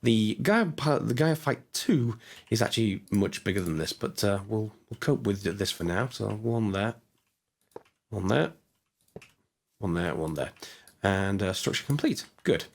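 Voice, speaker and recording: A man with a hoarse voice, chatting casually as he narrates his gameplay, thinking aloud with lots of fillers. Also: fairly low pitch, expressive, a little slow. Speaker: gaming channel host. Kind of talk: casual let's-play commentary.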